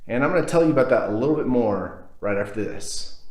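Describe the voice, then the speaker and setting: A developer who hosts a YouTube channel chats casually on a video call, opening upbeat before settling into a relaxed, rambling flow. His mid-range voice moves fast, with noise in the background.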